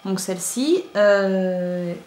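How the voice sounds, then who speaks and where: A woman's voice: mid-range voice, very slow. A woman in her thirties, chatting casually as a knitting podcaster, rambling with many fillers and asides. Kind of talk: casual chat showing yarn to camera. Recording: echoey room with faint ambient noise.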